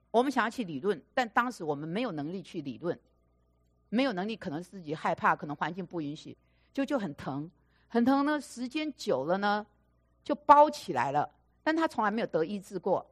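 A woman's voice: mid-range voice, a little fast. A woman preaching a sermon through stories, repeating phrases for emphasis and acting out the dialogue. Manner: animated storyteller, acting out quoted dialogue. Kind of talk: storytelling sermon.

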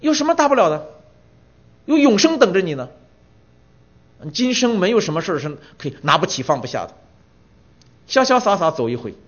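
A man's voice: sits high, fairly quick, long pauses, slightly rough. A middle-aged man preaching a sermon, telling stories with many rhetorical questions and rising to emphatic peaks. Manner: animated storytelling, rhetorical questions, voice swells when emphatic. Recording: dull lo-fi sound.

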